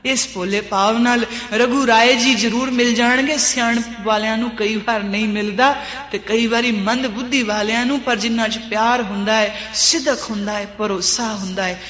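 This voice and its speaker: A woman's voice: mid-range voice, a bit bright. A woman preacher giving a devotional sermon in an earnest, repetitive preaching cadence. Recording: echoey hall with long reverb.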